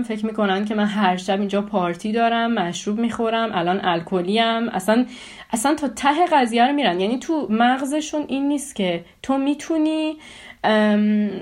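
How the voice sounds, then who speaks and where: A woman in her twenties from Iran, telling a personal story with frequent hesitations and pauses. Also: medium pitch, a little mellow. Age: 20s. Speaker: interviewee.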